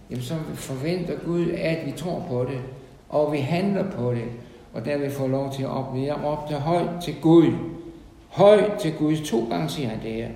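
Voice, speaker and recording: Man preaching to a small group, gravelly and mellow, stumbles and repeats, then gets loud, long echo in the room. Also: medium pitch, slight background noise. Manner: halting, repeats words, rises to loud emphasis. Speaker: lay preacher. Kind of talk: informal sermon.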